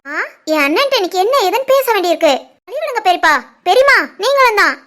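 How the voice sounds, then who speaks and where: A woman's voice: extremely high pitch, big pitch swings, fast, fairly bright tone, exaggerated voice. A woman voicing a cheeky, playful young sister who teases her brother, with a Kanyakumari Tamil accent, in a cartoon family drama. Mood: teasing. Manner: playful, teasing.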